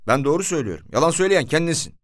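A man's voice: a little high, big pitch swings, racing, dry recording, clean studio sound, pitched above the performer's own voice. A man voicing a cool, defiant male taxi driver who denies everything stubbornly.

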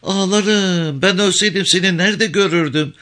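A man's voice: high-pitched, moderate pace, sharp tone, pitched above the performer's own voice. A man reading aloud, voicing a worn-out, tearful old village mother with a plaintive lament. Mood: pleading.

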